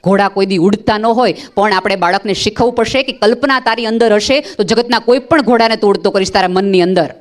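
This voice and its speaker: A woman's voice: mid-range voice, a little fast, hardly any pauses. A woman giving a motivational talk to parents, speaking emphatically with rhetorical questions and short anecdotes.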